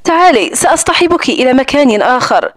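A woman's voice: sits high, big pitch swings, a little fast, no room sound, clean studio sound. A woman reading the part of a cheerful, chatty elderly grandmother in her later years.

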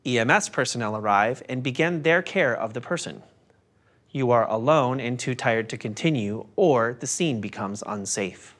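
A man narrating a scripted first-aid lesson in a calm, step-by-step instructive manner. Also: medium pitch, normal speed.

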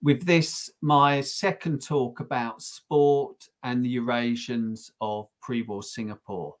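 A man giving a prepared history lecture as a guest speaker, with measured, formal phrasing. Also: mid-range voice, fairly even intonation. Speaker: guest lecturer, doctoral student.

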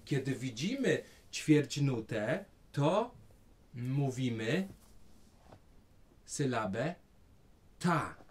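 Lively, patient male music teacher. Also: medium pitch, normal speed. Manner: patient, encouraging, explains step by step. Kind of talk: children's music lesson.

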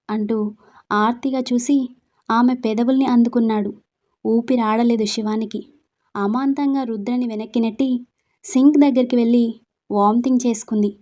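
A woman narrating a romance story aloud in a steady, expressive storytelling voice. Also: fairly high pitch.

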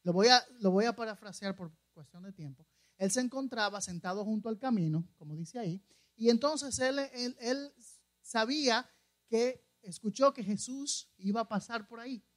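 A man's voice: high voice, moderate pace. A man preaching a conversational sermon, often asking the congregation questions and retelling scripture stories with acted-out quotes. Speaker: pastor.

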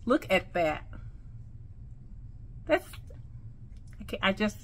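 A woman with a slight lisp, speaking with new veneers in an excited, gushing casual vlog to her viewers. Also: medium pitch, takes it slowly, slight background noise. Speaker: vlogger. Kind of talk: casual product review vlog.

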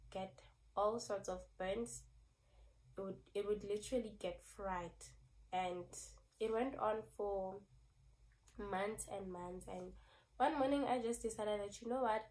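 A woman's voice: medium pitch, darkish tone, poor audio. Woman, 20s, from South Africa, casual vlogger with a cold, chatty. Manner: chatty, repeats thanks, says "yo" and "like". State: has a cold, slightly squeaky voice. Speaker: beauty vlogger. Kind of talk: casual vlog talk to camera.

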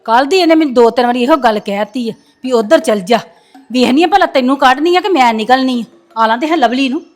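A high-voiced, quarrelsome old mother-in-law, played by a woman in a family web series. She taunts and scolds, with faint music under her lines. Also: a little fast. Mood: scolding.

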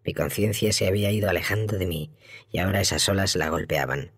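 A man narrating an audiobook in a measured, steady reading. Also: sits low, no room sound, studio quality.

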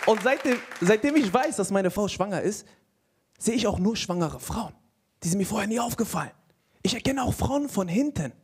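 Young man, stand-up comedian, high voice, animated, laughs between jokes, faint audience. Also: moderate pace, husky, a faint crowd. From Palestine. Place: comedy stage before a live audience.

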